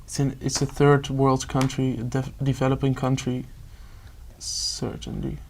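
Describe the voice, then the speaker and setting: Hesitant young man, gravelly. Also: mid-range voice, flat delivery, unhurried, darkish tone, slight background noise. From Netherlands. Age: young adult. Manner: hesitant, searching for words. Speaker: exam candidate. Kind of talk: spoken exam discussion.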